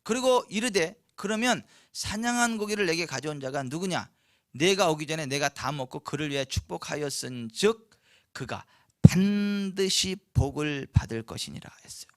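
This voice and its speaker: A male pastor preaching a sermon, reading scripture slowly and asking the congregation rhetorical questions. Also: on the high side, expressive, no echo, clean studio sound. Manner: slow, weighty scripture reading.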